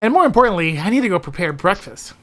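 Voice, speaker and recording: A woman's voice: fairly low pitch, big pitch swings, fast talker. A woman reading first-person visual novel narration expressively as narrator of a playthrough. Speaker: narrator and editor of a playthrough series.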